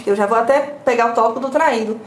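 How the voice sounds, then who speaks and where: Woman, Brazilian Portuguese accent, coach giving a live talk, rhetorical questions, higher voice, echoey room. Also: fast talker. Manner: rhetorical questions with frequent tag questions; explanatory, repetitive teaching tone. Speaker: emotional intelligence coach. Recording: roomy echo.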